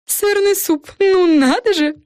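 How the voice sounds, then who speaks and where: A woman's voice: takes it slowly, a little mellow, dry recording, clean studio sound. A woman voicing a pompous, squealing tiny female fairy with a piercing voice in an audiobook. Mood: eager. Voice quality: shrill, piercing. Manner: haughty and bossy, exclaiming. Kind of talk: audiobook voice acting.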